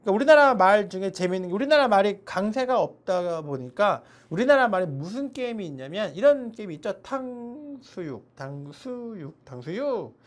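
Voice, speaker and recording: Lively woman teaching English pronunciation. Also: mid-range voice. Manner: lively explaining, demonstrates sounds slowly and repeatedly. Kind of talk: online English pronunciation lesson.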